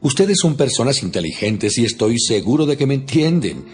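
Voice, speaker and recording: An actor playing an earnest, stern apostle in a dramatized audio Bible, with solemn, emphatic, preacherly delivery. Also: male voice, medium pitch, big pitch swings, normal speed, lightly acted. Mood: solemn, admonishing. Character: apostle Paul, earnest, stern male preacher to his flock. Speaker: Bible reader voicing the apostle Paul. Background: music behind the voice.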